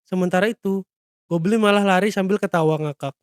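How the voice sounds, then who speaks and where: High-voiced man narrating a comic recap. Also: a little fast, clean tone, no echo, clean studio sound. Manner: lively, playful slang.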